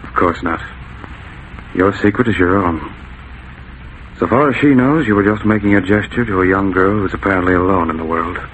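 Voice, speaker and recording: An actor playing a steady, decent Mountie sergeant, measured and earnest, in a 1940s radio drama on a dull old recording. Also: male voice, deep voice. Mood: calm, probing. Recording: dull, faintly noisy vintage radio.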